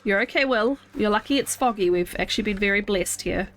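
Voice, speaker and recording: A young woman with a stuffy, congested nose streams a game from home, chatting casually and talking through her thoughts. Her voice is medium pitched, fairly quick and fairly bright, in a casual live gameplay chat.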